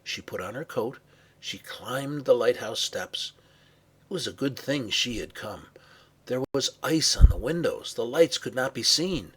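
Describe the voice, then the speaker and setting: Guy reading a kids story out loud, husky voice, really lively, drops to a hush sometimes. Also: medium pitch, measured pace. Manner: expressive, varied pacing with hushed passages. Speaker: narrator. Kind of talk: children's storybook read-aloud.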